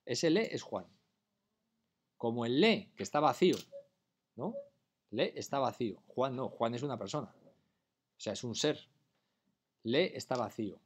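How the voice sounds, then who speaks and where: A man's voice: medium pitch, animated, measured pace, long pauses, slightly rough. A man teaching a class, explaining patiently and often checking whether students follow. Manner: patient, keeps checking understanding with questions. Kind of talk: classroom lecture.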